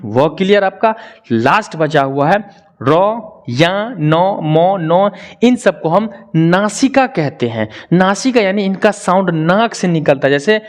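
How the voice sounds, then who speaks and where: A young man teaching a grammar lesson, drawing out syllables slowly and asking viewers to answer in the comments. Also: high voice, lively intonation. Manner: drills sounds slowly, repeating syllables.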